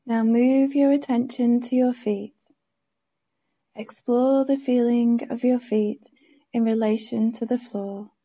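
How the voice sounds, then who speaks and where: Female meditation guide: soft, very warm and dark timbre, drawn-out calm delivery. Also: a little high. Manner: gentle, soothing, unhurried instructions.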